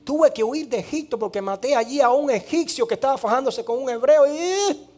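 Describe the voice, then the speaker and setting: A man's voice: very high voice, lively intonation, brisk, darkish tone, voice pushed up. A man doing a frightened, pleading Moses. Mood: fearful pleading. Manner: hesitant, self-doubting, pleading. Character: fearful stuttering Moses, man pleading with God.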